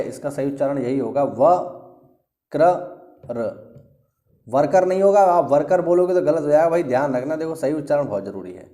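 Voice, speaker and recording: A man's voice: a little high, mellow. A man teaching an exam-prep class online. He keeps saying "theek hai" to check understanding and stresses correct pronunciation. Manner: addresses students as friends, stresses correct pronunciation. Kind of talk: online lecture.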